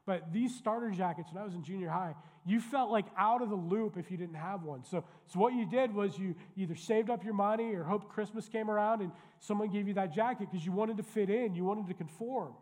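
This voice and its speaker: A man's voice: sits high, a little fast, few pauses, a little mellow. A man in his thirties preaching a sermon conversationally, with asides to the congregation. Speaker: pastor. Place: church sanctuary. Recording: church hall reverb.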